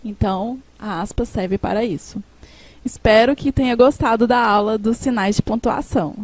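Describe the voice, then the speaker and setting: Brazilian teacher lady, higher voice, dry close sound, acts out examples then says the mark flat. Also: normal speed, no room sound. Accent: Brazilian Portuguese. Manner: reads examples with acted intonation, then names the punctuation mark flatly. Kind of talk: reading a lesson aloud.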